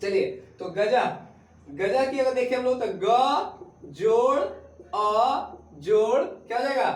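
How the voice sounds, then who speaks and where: A man's voice: extremely high pitch, expressive, normal speed, a little mellow. A male teacher giving a classroom lesson, asking his students questions and repeating their answers. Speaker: Sanskrit teacher. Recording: echoey classroom recorded from a distance.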